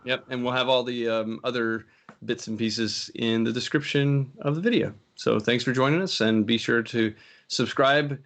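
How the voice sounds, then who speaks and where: A man's voice: mid-range voice, normal speed, a bit bright. A man hosting a casual tech talk show, rambling and often correcting himself as he chats. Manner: rambling, self-correcting, laughs easily. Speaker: show host.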